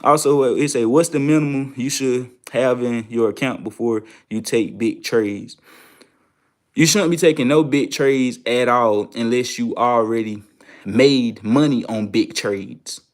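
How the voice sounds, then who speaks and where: A man's voice: mid-range voice, measured pace. Casual man preaching trading rules. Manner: loose, preachy, repeats phrases for emphasis. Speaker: trading show host. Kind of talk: casual advice talk to viewers.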